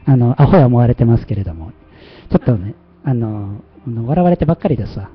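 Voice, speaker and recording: A man's voice: medium pitch, very animated, quick pace, breathy edge, muffled recording. A man with a Kansai Japanese accent hosting a casual livestream, chatty and self-mocking, often laughing at himself. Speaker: livestream host.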